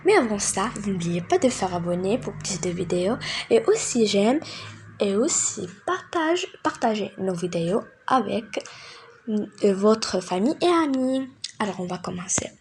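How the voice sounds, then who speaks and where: A woman's voice: medium pitch, lively intonation, a little slow, darkish tone, slight background noise. Hesitant woman teaching a grammar lesson. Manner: hesitant, with frequent fillers and restarts. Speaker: teacher, channel host.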